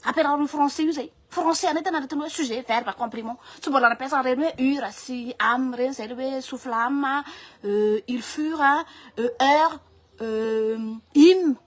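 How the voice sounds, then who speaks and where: A woman with a Malagasy accent, talking in a lively casual monologue and switching languages often. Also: high voice, normal speed, hardly any pauses. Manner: animated, switching between French and Malagasy, many restarts. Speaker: vlogger.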